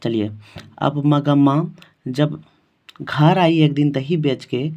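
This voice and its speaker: A man's voice: fairly high pitch, fairly even intonation, slow. Bihari-accented male teacher quizzing his class. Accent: Bihar Hindi. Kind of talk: exam-focused class lesson. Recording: dull lo-fi recording.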